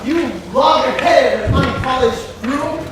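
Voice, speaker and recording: A man's voice: very high-pitched, slow pace. A man acting a swaggering, domineering bridegroom on stage, declaiming verse and barking orders, heard from far off in an echoey hall with faint noise. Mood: blustering. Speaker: stage actor. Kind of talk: live Shakespeare stage acting. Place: theater stage. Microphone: far room mic.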